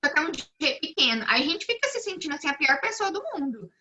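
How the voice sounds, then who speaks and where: A woman's voice: sits high, big pitch swings, fast talker, bright, forceful tone. A woman making a chatty remark in an online class. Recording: dull lo-fi audio.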